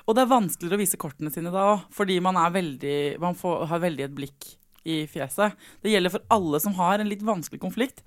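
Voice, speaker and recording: A woman hosting the conversation, candidly telling stories about parenting her son. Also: fairly low pitch. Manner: candid, animated storyteller, laughs often. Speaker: podcast host and parent. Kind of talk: casual chat, personal anecdotes.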